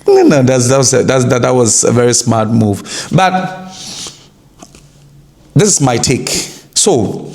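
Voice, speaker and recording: A man's voice: mid-range voice, gravelly. A man from Ghana with a Ghanaian accent, giving an opinionated news commentary and stressing points by repeating his words.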